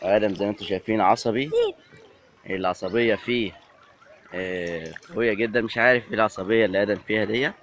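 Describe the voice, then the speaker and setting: Easygoing Egyptian dad narrating a beach vlog. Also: male voice, fairly low pitch, steady tone, fast talker, background noise. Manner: easygoing running commentary to viewers. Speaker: family vlogger filming his children. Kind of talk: casual home-video narration. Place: outdoors at a seaside beach.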